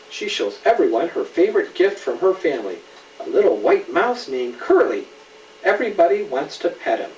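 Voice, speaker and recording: A man with a fairly high, somewhat dark voice reads a story aloud to a child like a father would, patiently explaining things and slipping in casual questions. The mic sits far off in a roomy space, with faint background noise.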